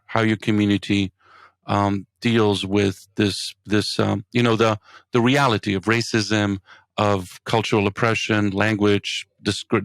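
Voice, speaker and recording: Gravelly low-voiced man interviewing. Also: no echo. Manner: hesitant, searching for words. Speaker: radio host, interviewer. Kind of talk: thoughtful interview questioning.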